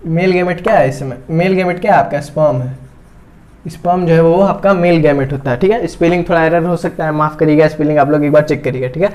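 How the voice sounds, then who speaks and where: A man's voice: a little high, fast talker, darkish tone. A man teaching biology while drawing a diagram, repeating each term and checking in constantly with his students. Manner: repeats terms, checks in with "theek hai" constantly.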